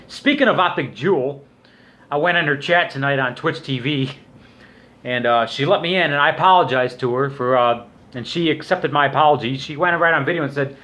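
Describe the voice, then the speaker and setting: A man's voice: mid-range voice, a bit bright. A man giving a casual, rambling commentary rant as a vlogger, in a crude, scornful, swearing manner. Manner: crude, profanity-laden, scornful. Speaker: YouTube vlogger.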